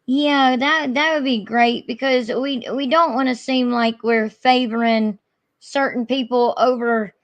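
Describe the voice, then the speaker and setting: A woman with a deep Southern US accent, chatting casually and earnestly on a live stream as a channel creator. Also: steady tone, measured pace.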